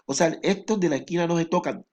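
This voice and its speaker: A man's voice: on the high side, fast talker, darkish tone. Patient man teaching math. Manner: patient, repetitive step-by-step explaining. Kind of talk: recorded math lesson.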